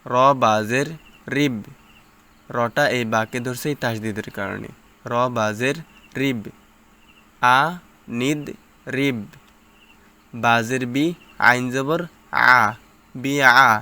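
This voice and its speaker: A man leads a recitation drill at a very unhurried pace. His voice is smooth and resonant. He names each letter and mark, then sings the joined syllables back. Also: mid-range voice, fairly even intonation, sharp tone. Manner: spells out letters and vowel marks, then chants the joined syllables. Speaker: Quran reading teacher.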